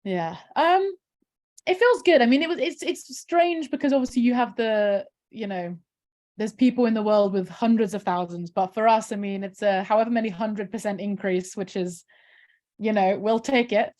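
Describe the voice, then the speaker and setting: In a relaxed video call interview, a charity campaigner chats her way through a screen-share walkthrough, sprinkling in fillers like "um" and "kind of." Her mid-range voice is a little mellow and her pace is moderate.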